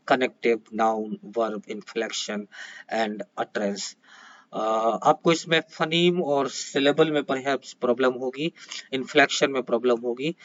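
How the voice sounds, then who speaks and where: Slow, hesitant male lecturer. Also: medium pitch, a bit bright. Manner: mixes Hindi and English, frequent hesitations and restarts. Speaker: teacher. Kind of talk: exam-prep lecture. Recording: dull lo-fi sound.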